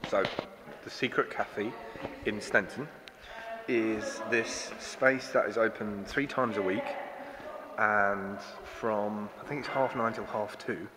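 Young man, casual vlogger, relaxed to camera; noise behind the voice. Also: on the low side, slow. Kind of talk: casual vlog chat. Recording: noisy background.

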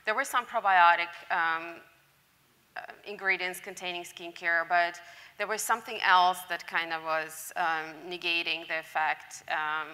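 A woman in her forties is interviewed on a conference stage, with a somewhat low but bright, forceful voice. She talks earnestly, stopping often on fillers. The sound carries a long hall reverb. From Lithuania. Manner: hesitant, many fillers, earnest. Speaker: guest microbiologist. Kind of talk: onstage interview.

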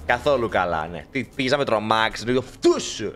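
Animated, jokey male gamer. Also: on the low side, faint music behind. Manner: animated, jokey, talks to game characters, bursts into shouts. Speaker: gaming YouTuber. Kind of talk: let's play commentary.

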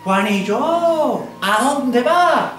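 A man voicing a worried older washerwoman who gives slow, pleading warnings in a high voice, recorded from far off in an echoey room. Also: lively intonation, background noise, exaggerated voice. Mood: calling out.

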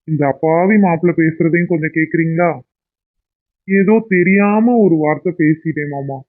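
A man's voice: fairly high pitch, lightly acted. A man voicing a pleading cartoon husband. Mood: worried, pleading. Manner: pleading, affectionate. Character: young husband pleading to make up with his wife. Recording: tinny phone-like sound.

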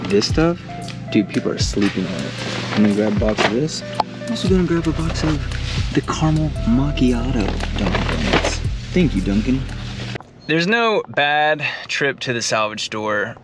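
A young man from Northeast Ohio casually vlogging with his camera, upbeat and jokey as he talks. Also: mid-range voice. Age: young adult. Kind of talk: casual vlog chat. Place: outdoors in a park and in a car. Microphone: handheld action camera.

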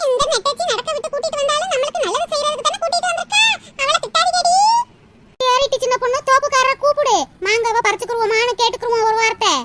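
A woman voicing fussy, timid village women in a cartoon, whining and scolding in a grumbling rural drawl. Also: very high voice. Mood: coaxing. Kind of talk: cartoon voice acting. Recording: loud noise.

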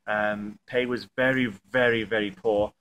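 A Welsh tourism representative in his thirties, a native Welsh speaker from Wales, answers on-camera interview questions in an outdoor museum yard by stone buildings. His lowish voice is flat and measured, hesitant with many fillers and restarts, picked up on a camera mic with outdoor noise behind.

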